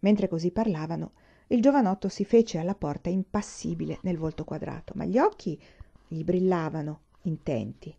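A woman reading a novel aloud as an audiobook, in a measured, expressive way. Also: on the low side, creaky, husky. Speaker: audiobook reader. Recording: dull lo-fi recording.

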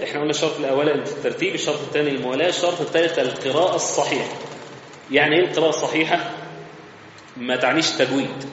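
A man's voice: a little high, a bit bright, slight background noise. A man with an Egyptian Arabic accent giving a religious lesson in a mosque, explaining step by step in a conversational way. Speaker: religious teacher. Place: large mosque hall. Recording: echoey mosque hall, slightly muffled.

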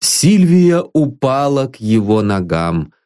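A man narrating a classic novel as an audiobook in measured storytelling. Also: medium pitch, big pitch swings, darkish tone, no room sound, clean studio sound. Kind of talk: literary narration.

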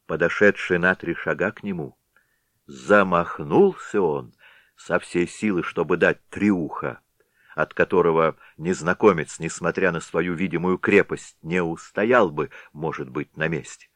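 A man's voice: sits low, unhurried, a bit bright, no room sound. A man narrating a classic story in a theatrical, vivid audiobook style.

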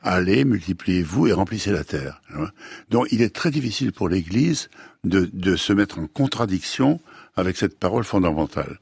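A man talking as a radio studio guest, precise and deliberate. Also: low voice, lively intonation, gravelly, a little mellow, breathy edge, no room sound. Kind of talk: reflective talk.

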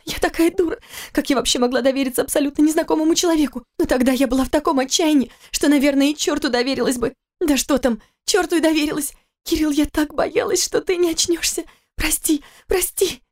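A woman voicing a frightened young wife who pleads and sobs, in a higher voice than her narration. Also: fairly even intonation, quick pace, darkish tone. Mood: tearful pleading. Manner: sobbing, pleading.

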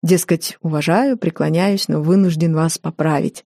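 A woman narrating a first-person audiobook in a wry, lively storytelling manner. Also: sits low, normal speed, vocal fry, dry recording, clean studio sound.

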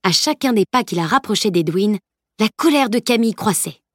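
A woman narrating a fantasy novel as an audiobook in a steady, measured read. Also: medium pitch, no echo, clean studio sound. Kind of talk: scripted narration.

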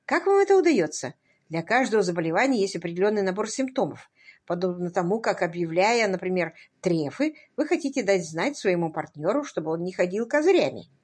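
A woman voicing a curious, witty aristocratic gentleman detective who muses aloud in playful questions. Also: medium pitch, big pitch swings, a little fast, breathy edge. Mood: musing. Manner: musing, playful rhetorical questions.

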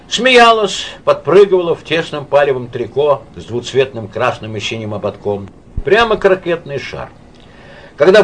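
A man reading a literary novel aloud as an audiobook, in an expressive, wide-ranging way. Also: mid-range voice, a little hiss or hum. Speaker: audiobook reader.

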